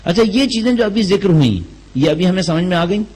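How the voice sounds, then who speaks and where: A man's voice: sits high, animated, a little mellow, low-quality recording. A man delivering a Quran commentary lecture, asking rhetorical questions and telling anecdotes to make his points. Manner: rhetorical questions, tells jokes as examples. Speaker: religious lecturer.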